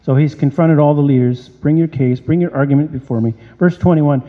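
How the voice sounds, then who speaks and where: A man preaching a sermon with a fairly high voice, his words ringing out into a long hall reverb. The recording sounds dull and lo-fi. He delivers the sermon in an animated way, full of rhetorical questions. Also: a little fast.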